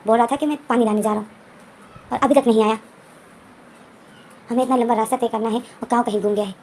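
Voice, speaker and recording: Cranky young guy griping loudly in a retold storybook, as a woman puts him on, slightly high and quick. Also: fairly even intonation, a little hiss or hum, natural voice. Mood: irritated. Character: irritable, selfish young man.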